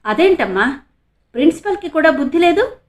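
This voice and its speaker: A woman's voice: high voice, animated, unhurried. A woman voicing a young male reporter who comforts his younger sister with concern. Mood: indignant. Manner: eager, concerned, soothing. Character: young male reporter, protective elder brother. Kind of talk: audiobook character reading.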